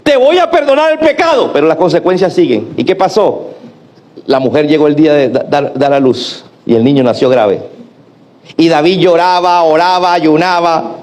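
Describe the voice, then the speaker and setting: A male pastor preaches with animated energy in a fairly high voice. He acts out the lines of the people in his stories and keeps calling out to the congregation for a reply. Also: moderate pace. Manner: animated preaching with acted-out quotes and call-and-response. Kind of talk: sermon.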